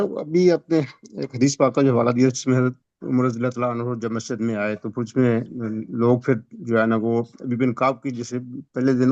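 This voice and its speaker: A man's voice: mid-range voice, darkish tone. A man in a mid-range voice politely works through a long, winding question for his teacher. The sound is dull and dry, lo-fi with no room echo. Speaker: student asking a question.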